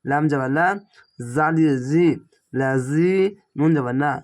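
A man's voice: fairly high pitch, fairly even intonation, unhurried. A man with a slightly strained throat teaching Quran reading, spelling out Arabic syllables one by one and drawing out the recited words.

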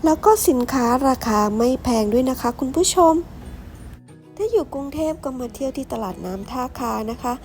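Lively high-voiced woman vlogger. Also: moderate pace, faint music behind. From Ratchaburi, Thailand. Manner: polite, friendly, often addresses viewers directly. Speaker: travel vlogger. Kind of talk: travel vlog narration to viewers.

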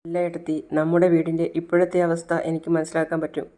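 Anxious young woman student, voiced by a narrator, hesitant, pleading, slightly raised pitch. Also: monotone, quick pace, mellow, close to an everyday voice.

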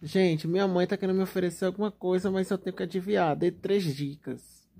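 A man's voice: high voice, fairly even intonation, fairly quick, creaky, warm tone. Chatty man hosting a fan page. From Brazil. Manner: chatty, playful, addresses viewers as gente. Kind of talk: casual celebrity gossip commentary.

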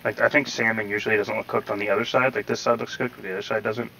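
Speaking rapid-fire in a medium-pitched, gravelly voice that is pushed and bright with little pitch movement, this gaming tutorial host offers casual commentary. He rambles step by step with some hedging. The rough recording has faint background noise and slightly robotic processing.

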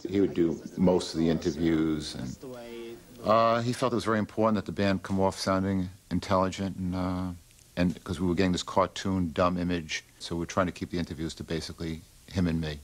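A man with a very deep voice recalls the past in a plain, laconic way. He is matter-of-fact and sparing with his words. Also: fairly even intonation, brisk. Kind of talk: interview recollection.

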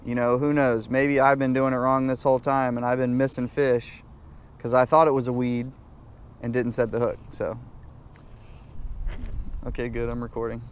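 A man's voice: mid-range voice, flat delivery, moderate pace, pauses often. A young man from South Carolina giving casual, chatty commentary to his viewers while fishing from a kayak on a lake. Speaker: fishing vlogger. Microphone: head-mounted action camera. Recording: faint outdoor noise from an action camera.

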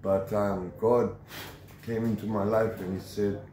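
A man's voice: lowish voice, little pitch movement, unhurried, warm tone, echoey room, rough recording. Tough South African man in his forties. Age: 40s. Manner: tough and emphatic, with preacher-like conviction. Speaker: interviewee. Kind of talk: telling his life story. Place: outdoor shelter against a corrugated metal wall.

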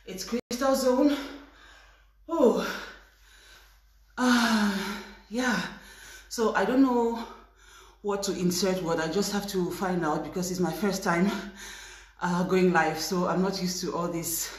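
A woman's voice: mid-range voice, slow pace, long pauses. A young woman hosting a casual live fitness chat in a hesitant, informal, giggly way. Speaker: live video host. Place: indoors, tiled room at home. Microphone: phone a few steps away. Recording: very echoey bare room.

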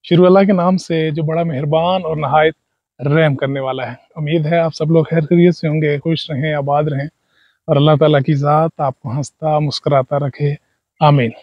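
A man's voice: on the high side, fairly even intonation, moderate pace, dry recording, dull audio. A man in his thirties, a travel vlogger, narrating outdoors on a farm into a lapel mic, with devout greetings and pious phrases. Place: outdoors on a dragon fruit farm. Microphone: lapel mic, selfie stick camera.

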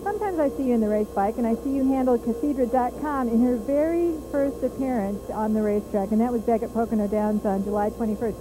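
A woman's voice: on the high side, quick pace, few pauses. A woman interviewing a horse trainer trackside for a racing broadcast, asking questions in a polished manner. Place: outdoor fairground racetrack. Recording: background noise at the track.

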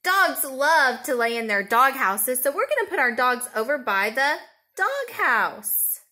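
High, animated woman teaching a toddler. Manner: simple, slow, sing-song talk as to a toddler, with questions and pauses. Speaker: preschool teacher. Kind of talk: children's counting lesson, as if to a toddler.

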